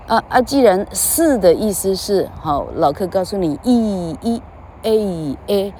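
A woman's voice: mid-range voice, animated, slow, dark tone, a little hiss or hum. A woman giving a comedic mock English lesson, lecturing and singing out long drawn vowels. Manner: lecturing, sings out drawn vowels, tags lines with "哈".

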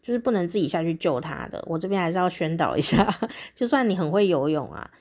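Chatty woman telling a story. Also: lowish voice. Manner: lively, laughs often, chatty, filled with drawn-out particles. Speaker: podcast host. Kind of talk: casual storytelling chat.

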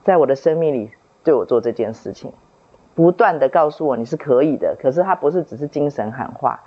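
A woman's voice: very deep voice, expressive, fairly quick, dark tone, slightly rough, dull audio. A woman in her fifties telling a personal story from childhood in an earnest, reflective way, often repeating herself as she remembers. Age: 50s. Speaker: book club member sharing a testimony.

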